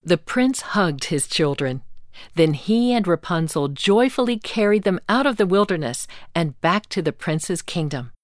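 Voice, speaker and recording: A woman reads a fairy tale aloud, calm and deliberate, in a slightly low voice. She takes her time over every line. The recording is dry and close, with no room sound. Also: no echo. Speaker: storyteller. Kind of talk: scripted storybook narration.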